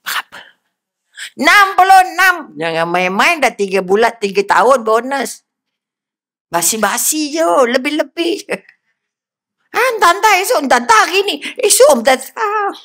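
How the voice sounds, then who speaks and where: An older woman with a Malaysian Malay accent giving a lively religious lecture, often putting questions to her audience. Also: high voice. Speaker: religious speaker.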